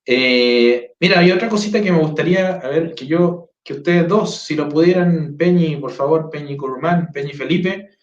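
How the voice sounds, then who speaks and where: A man's voice: fairly high pitch, moderate pace, few pauses. A man hosts a casual online interview, often adding tag questions and restarting his sentences. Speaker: host. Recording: echoey, dull lo-fi sound.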